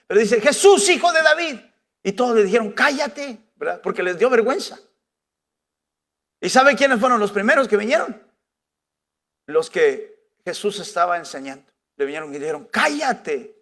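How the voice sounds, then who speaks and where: A man's voice: high-pitched, fairly bright tone. A male pastor preaching a conversational sermon, full of rhetorical questions. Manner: rhetorical questions with frequent "¿verdad?".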